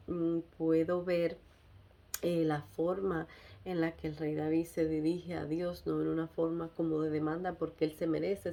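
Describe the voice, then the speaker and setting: Woman preaching a testimony, low mellow voice, lots of pauses and little checks with listeners. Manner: reflective, with many hesitations and tag questions. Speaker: speaker sharing a devotional message. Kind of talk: personal testimony sermon.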